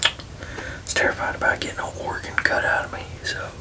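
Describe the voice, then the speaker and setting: A person whispering a casual ASMR ramble, halting and frank, with folksy turns of phrase. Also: recorded from a distance. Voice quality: unvoiced, breathy whisper with creaky edges. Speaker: ASMR video creator.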